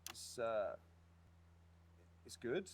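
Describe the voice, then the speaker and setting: An actor playing a meek, halting community policeman answering politely in a TV interview within a video game. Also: mid-range voice, sing-song, slightly rough, exaggerated voice. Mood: nervous. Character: awkward, mild male community policeman.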